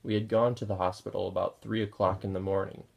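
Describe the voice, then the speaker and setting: A man reading a novel aloud in a steady, understated way. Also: low voice, quick pace, gravelly. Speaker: audiobook reader.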